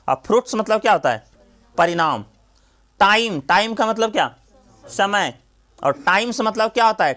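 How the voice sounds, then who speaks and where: A man's voice: sits high, a bit bright. A male coaching teacher giving a classroom grammar lesson, drilling students with repeated questions and then answering them himself.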